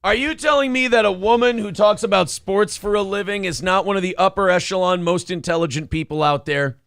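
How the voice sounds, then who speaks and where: A man's voice: high voice, fairly quick, vocal fry, fairly bright tone, smooth, dry recording, studio quality. A man hosting a comedy show with casual, mocking reaction commentary, sarcastic and crude in his joking.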